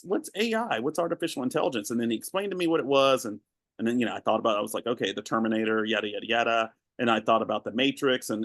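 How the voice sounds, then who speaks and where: A man from Arkansas, USA, is a guest on a podcast, speaking in an earnest, reflective way and often repeating words as he begins a thought in this conversational interview. His voice is mid-range and fairly bright, with clean studio sound and no room sound.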